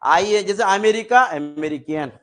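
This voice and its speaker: A male English grammar teacher giving a coaching class lecture, listing examples slowly one by one and checking in with frequent "haan" asides. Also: sits high, fairly bright tone, faint music behind.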